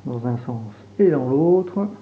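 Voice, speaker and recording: A man's voice: medium pitch, slow pace. A man from Franche-Comté with a regional French accent, casually unboxing and demonstrating gear as a reviewer, hesitant and full of fillers. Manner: relaxed, hesitant, many fillers while handling gear. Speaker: airsoft reviewer. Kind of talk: casual product unboxing and demo. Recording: tinny phone-like sound, faint hiss.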